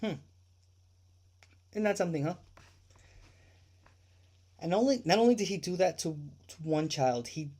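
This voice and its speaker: A man hosting a livestream about true crime, his voice dark and mellow. He rants with open indignation, swearing freely and firing off rhetorical questions. He circles back to repeat his points for emphasis. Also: on the high side. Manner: indignant ranting with profanity.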